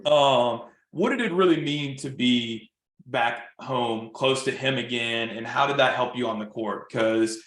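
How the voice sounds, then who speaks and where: A man's voice: mid-range voice, measured pace, fairly bright tone. A man in the host seat of a podcast, chatting easily with his guest. His mid-range voice rings a bit in an echoey room, and he talks in loose, restarting sentences full of fillers. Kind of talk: casual interview chat.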